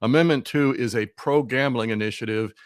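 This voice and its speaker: Joining a talk show remotely over video call from Missouri, a man delivers heated, emphatic political commentary, repeating words often. His medium-pitched voice moves briskly. The sound is dry and studio-clean.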